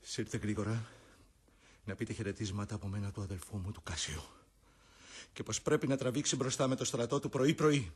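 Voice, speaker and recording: An actor playing Brutus, a troubled and commanding Roman general, in a theatrical radio drama, swinging between hushed talk and shouts. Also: male voice, on the low side, slightly rough. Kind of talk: classic radio drama acting.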